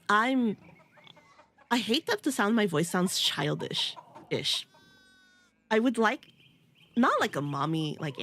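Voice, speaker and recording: A VTuber streamer of about thirty chats casually while gaming on a live stream, her voice fairly high, sharp and nasal. She giggles, rambles and teases herself.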